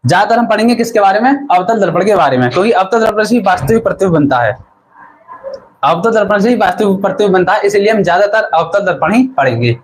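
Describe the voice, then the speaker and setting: A man with a fairly high voice teaches a physics class during an online stream. He asks a question, then answers it himself and says the term again for the viewers to note down. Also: lively intonation, quick pace, a little hiss or hum, poor audio. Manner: repeats key terms and quizzes the viewers. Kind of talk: live online lesson.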